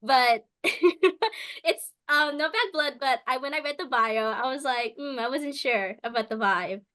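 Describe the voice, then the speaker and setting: Bubbly high-voiced young woman contestant. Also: unhurried, bright, forceful tone. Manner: bubbly, laughs often, rambling retelling. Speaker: game show contestant. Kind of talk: casual chat.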